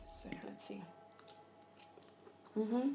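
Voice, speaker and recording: Whispering very slowly, a young woman from Nigeria chats while eating on her mukbang, with plenty of ums between bites. The room sounds spacious, and music plays in the background.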